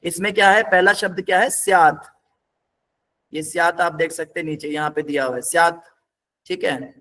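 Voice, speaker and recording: A man's voice: a little high, steady tone, normal speed, pushed and bright, slight background noise. A man teaching a scripture class, explaining word by word in a patient, step-by-step way and putting questions to his students.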